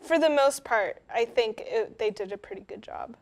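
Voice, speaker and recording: A young woman co-hosts a casual film review with a fairly high voice. She is easygoing and agreeable and laughs easily. Her talk is full of fillers and quick hedged opinions. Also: expressive. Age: young adult.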